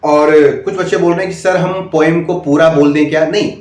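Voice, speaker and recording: A man's voice: on the high side, steady tone, a little fast, darkish tone. A man coaching interview candidates in speech, emphatic and repetitive, often asking "okay?". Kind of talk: direct-to-camera coaching talk. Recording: echoey room.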